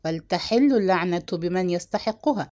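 A harsh older family patriarch who barks gruff commands and demands the truth, as a woman narrator reads him. His speech swings widely in pitch from one sharp order to the next. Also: expressive, moderate pace, natural voice. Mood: stern, angry.

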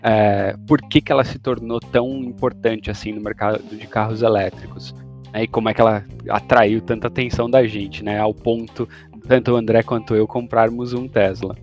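A man's voice: on the low side, fairly even intonation, normal speed, a little mellow, soft background music. A man with a Brazilian Portuguese accent co-hosting a casual podcast, explaining things informally with frequent tag questions. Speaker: podcast co-host.

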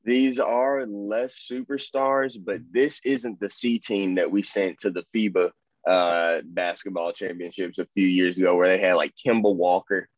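A deep-voiced man talks basketball at a measured pace and in a steady tone, excited and hyping throughout. He leans on fillers and lets lines trail off, all captured in a dull, dry lo-fi recording without echo.

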